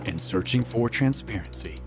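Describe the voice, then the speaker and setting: Over background music, a man with a mid-range voice reads scripted, dramatic advert narration at normal speed, sounding expressive.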